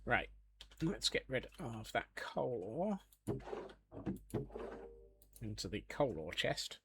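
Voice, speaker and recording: A man's voice: medium pitch, very animated, takes it slowly, fairly bright tone, a little hiss or hum. A man from Scotland chatting casually on a live gaming stream, joking along with viewers and answering their questions. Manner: chatty and jokey, answering chat.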